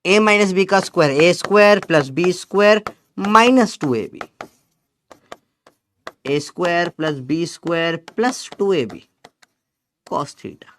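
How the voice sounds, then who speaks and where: A man's voice: sits high, animated, takes it slowly, pauses often, fairly bright tone, slight background noise. A young man teaching physics in a chatty, teasing lecture. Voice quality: chatty, teasing, calls students beta. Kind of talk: classroom lecture with Gen Z slang.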